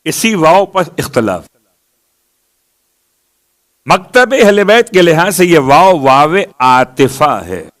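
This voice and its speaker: A man's voice: on the high side, big pitch swings, long pauses, fairly bright tone. A man giving a religious sermon, asking questions and answering them himself and reciting Arabic verses with rising emphasis. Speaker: Shia preacher.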